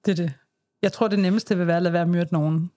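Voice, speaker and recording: A woman's voice: fairly low pitch, fairly even intonation, warm tone. A Danish-accented woman co-hosting a podcast in casual conversation, with a wry, self-deprecating way of talking. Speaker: podcast co-host. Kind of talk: casual chat.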